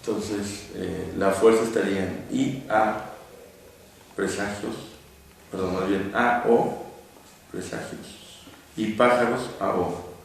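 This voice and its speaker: A man's voice: fairly low pitch, takes it slowly, gravelly, far from the mic, slight background noise. A man teaching a poetry class, patiently explaining and spelling out vowel sounds. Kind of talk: classroom lecture. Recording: echoey room, recorded from afar.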